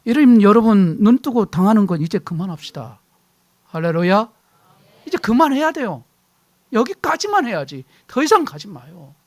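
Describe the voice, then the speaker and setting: A middle-aged man preaching a sermon as pastor, animated, acting out shouted household quarrels. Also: sits high, moderate pace.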